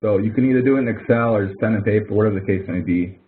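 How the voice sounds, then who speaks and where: Talking very fast in a fairly low voice, a man runs an online help session as instructor, explaining a spreadsheet exercise step by step in an informal, folksy style. It is a casual screen-share walkthrough in a web conference, heard through muffled, narrow, phone-like audio.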